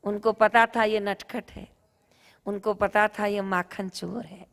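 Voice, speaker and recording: A woman preaching at a religious gathering, telling a devotional story in an animated way and acting out the characters. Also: mid-range voice, slow, vocal fry, big-room sound. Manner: animated, acts out voices.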